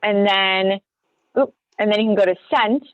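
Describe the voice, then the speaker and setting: A woman's voice: medium pitch, steady tone, moderate pace, no echo. Chatty woman on a dull, dry video call. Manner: chatty, apologetic asides. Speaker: real estate agent and co-host. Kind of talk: screen-share tutorial.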